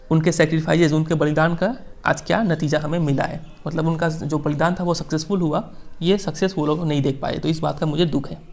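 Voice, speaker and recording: Gravelly-voiced Indian male teacher. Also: on the high side, a little mellow. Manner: reads English lines slowly, explains in chatty Hindi, repeats "ठीक है". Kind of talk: Hindi-English class lecture explaining a text.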